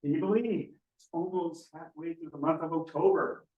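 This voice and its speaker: A man's voice: on the high side, moderate pace. A man emceeing a team meeting in an upbeat, joking manner. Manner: upbeat and jokey. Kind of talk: casual meeting hosting. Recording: roomy, distant, dull sound.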